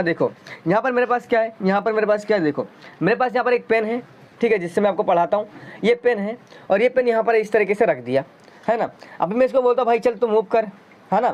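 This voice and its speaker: A man teaching a school science lesson in a chatty, coaxing way, asking his students questions as he goes. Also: high-pitched. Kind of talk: explaining a science lesson in Hindi. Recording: dull lo-fi sound.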